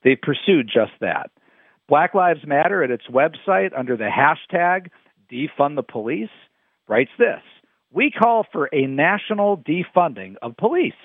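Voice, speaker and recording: A man's voice: on the high side, very animated, unhurried, slightly rough, dry recording. A man delivering a scripted radio commentary, emphatic and quoting his sources. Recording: dry phone-like radio sound.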